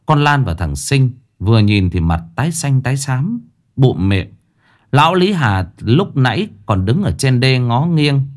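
Lively male ghost-story narrator. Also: mid-range voice.

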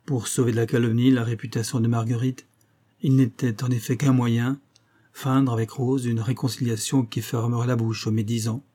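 Narrateur homme de livre audio, lecture posée, voix sombre. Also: male voice, mid-range voice, level tone, moderate pace, mellow. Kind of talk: scripted narration.

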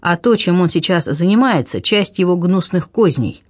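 A man's voice: high voice, animated, moderate pace, no room sound, studio quality. A man reading an audiobook, voicing a stern nobleman, a duke who speaks with scorn. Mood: scornful.

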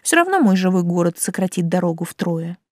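A woman narrates a first-person audiobook with an animated, sweeping pitch. The reading is expressive, recorded close and dry with no room sound. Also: fairly quick, no room sound.

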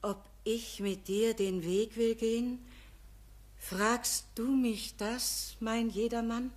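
Frail sick nun figure, weak voice, Bavarian accent, slow and imploring, a bit high. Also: female voice, steady tone, a little mellow. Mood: pleading. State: weak, feeble voice. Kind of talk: radio play acting.

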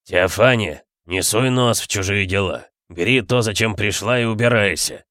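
A man voicing a rude, bad-tempered husband who talks gruffly and barks his words. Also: fairly low pitch, normal speed, a bit bright, no echo, studio quality, natural voice. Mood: rude, angry. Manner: gruff, barking.

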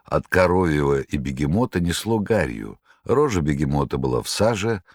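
Male audiobook narrator; low, gravelly, expressive, dry studio sound. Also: normal speed, no room sound. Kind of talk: scripted literary narration.

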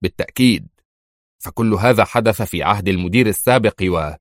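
A man's voice: lowish voice, brisk, no echo, studio quality, natural voice. A man voicing a stern, defiant spy chief. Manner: cold, firm, defiant. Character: stern male American intelligence chief. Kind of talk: audiobook character voice.

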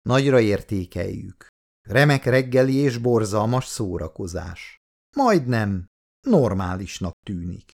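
A man's voice: fairly low pitch, animated, creaky, darkish tone. A man voicing a tired former soldier and father in an audiobook, speaking hesitantly and a little awkwardly. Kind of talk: audiobook dialogue.

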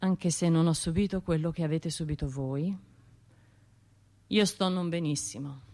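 In a radio drama monologue, an actress with a low, warm, steady female voice plays a troubled survivor of a bombing. She talks conversationally, halting and questioning herself, sounding hesitant and apologetic.

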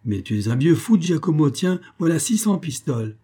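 A man's voice: fairly high pitch, very animated, moderate pace, mellow, slightly rough, voice pushed up. A man voicing a young, rich male scholar, polite but scheming, speaking in an insistent, emphatic voice. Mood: mocking.

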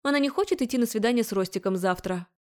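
A woman's voice: fairly high pitch, racing, a little mellow, close to an everyday voice. A woman reading an audiobook, voicing a suspicious middle-aged mother who scolds and answers with sarcasm in a raised voice. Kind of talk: audiobook character voice.

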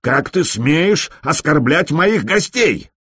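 A man's voice: fairly high pitch, expressive, takes it slowly, a bit bright, husky, no echo, clean studio sound, voice pushed up, heavily acted. A man voicing a proud Viking king who barks formal rebukes. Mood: stern. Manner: barking, ceremonious.

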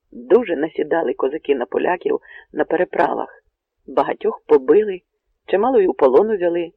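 A man narrating a historical novel in a steady, measured storytelling voice. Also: fairly high pitch, creaky, slightly rough, no room sound. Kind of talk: audiobook narration. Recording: narrow phone-like radio sound.

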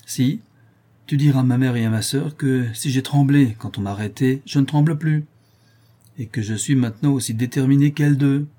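A man's voice: medium pitch, moderate pace, mellow, natural voice. A man reading an audiobook and voicing a sardonic young male criminal who taunts and wheedles. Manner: taunting, sing-song and wheedling. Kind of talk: audiobook character voice.

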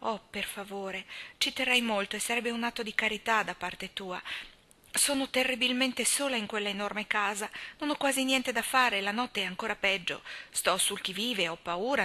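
A woman's voice: medium pitch, normal speed, pushed and bright, natural voice. A woman voicing a lonely, anxious young woman who pleads to stay with friends. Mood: pleading.

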